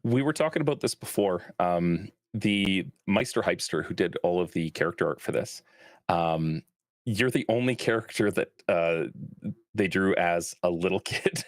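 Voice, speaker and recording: A man running a live-streamed tabletop game as dungeon master, talking in a relaxed way with lots of fillers and easy laughter. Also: low-pitched, normal speed, dry recording, clean studio sound.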